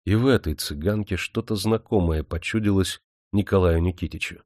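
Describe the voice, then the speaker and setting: A man reading a novel aloud in a measured, even storytelling manner. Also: low voice, no room sound, clean studio sound. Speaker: audiobook narrator. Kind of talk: scripted narration.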